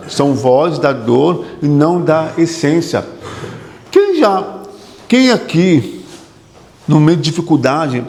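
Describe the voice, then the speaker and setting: A man's voice: on the high side, gravelly, darkish tone. A man, a psychotherapist, giving an emphatic motivational talk to an audience, repeating phrases and putting questions to the room. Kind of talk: motivational lecture. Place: hall with an audience. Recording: echoey hall with long reverb.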